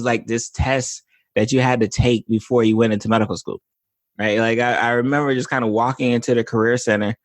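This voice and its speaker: Relaxed man hosting a chat, dry sound. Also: mid-range voice, no echo. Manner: relaxed, rambling, many restarts and fillers. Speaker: podcast host, physician. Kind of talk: casual interview chat.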